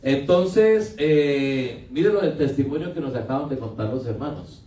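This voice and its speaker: A man's voice: medium pitch, moderate pace, mellow. A male pastor preaching a sermon in a conversational way, asking his congregation questions. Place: church hall. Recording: echoey hall, picked up from a distance.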